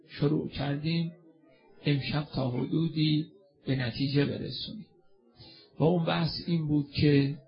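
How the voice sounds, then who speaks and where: A male preacher delivers a religious sermon, asking questions and answering them himself. His voice sits high and has a husky, gravelly grain. The recording sounds dull and lo-fi. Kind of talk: religious sermon and mourning recitation.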